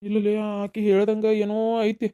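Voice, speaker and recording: A woman with a North Karnataka Kannada accent voicing a calm, practical middle-aged village husband in a comedy skit. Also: medium pitch, a little fast, dull audio, pitched below the performer's own voice, natural voice.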